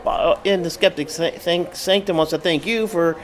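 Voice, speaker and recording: A man's voice: fairly high pitch, steady tone, moderate pace, crowd noise. A man hosting a casual live interview, talking loosely and hesitantly, often repeating himself. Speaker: podcast host. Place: haunted hotel event.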